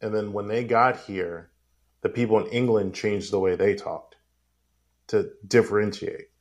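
Rambling low-voiced man. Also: unhurried. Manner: rambling, goes off on tangents. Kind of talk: casual film discussion.

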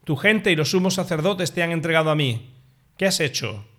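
A stern roman governor asking sharp questions, as a man reading scripture does him, kinda high voice, measured. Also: expressive. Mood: questioning.

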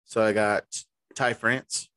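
A man's voice: fairly low pitch, steady tone, slow, fairly bright tone, clean tone, dry recording. A man co-hosting a podcast, chatting casually about baseball in a rambling, easygoing way. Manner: rambling, easygoing, restarts mid-sentence. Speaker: podcast co-host. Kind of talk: casual sports chat.

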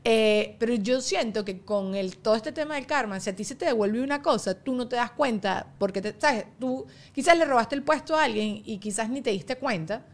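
A woman chatting casually on a podcast, rapid and self-deprecating. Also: fairly high pitch. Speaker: podcast co-host. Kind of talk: casual chat.

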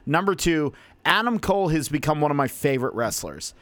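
A man co-hosting a casual podcast, telling an excited story with stammering restarts. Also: a little high, fairly quick, no echo. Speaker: podcast co-host. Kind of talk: casual chat.

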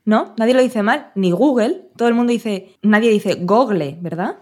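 A woman's voice: a little high, moderate pace, a little mellow. A young adult woman hosting a podcast in casual, playful chat, teasing her guest and laughing often. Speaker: podcast host.

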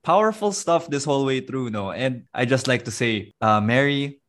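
A Filipino man hosting a podcast interview, asking questions in a relaxed mix of English and Tagalog, with lots of tag questions and fillers. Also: mid-range voice, moderate pace. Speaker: podcast host. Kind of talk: casual interview.

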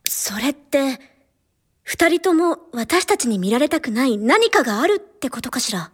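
A woman's voice: big pitch swings, moderate pace, breathy edge, full character voice. A woman voicing a refined, ladylike young club president in a radio drama. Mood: composed. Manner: ladylike speech, flusters into shrill panic. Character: prim young female club president, refined then flustered.

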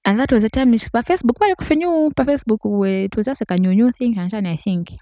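A woman's voice: a little high, normal speed, no room sound, studio quality. A woman, chatting casually to viewers as she tells a story. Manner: chatty, addresses viewers directly, animated. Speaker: vlogger.

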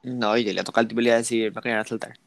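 Young guy podcasting, talks super fast, rambly, dry close mic. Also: medium pitch, steady tone, gravelly, no echo. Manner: rambling, fast, full of fillers and restarts. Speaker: podcast co-host. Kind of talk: casual chat.

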